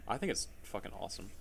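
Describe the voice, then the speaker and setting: A man hosting a podcast in casual chat, teasing his guests, laughing often and swearing casually. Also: noisy background. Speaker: podcast host.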